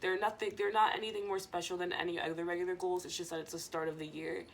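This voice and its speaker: Woman, stoner vlogger, low creaky voice, rambling casual chat, digressive. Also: little pitch movement, fast talker, a little hiss or hum.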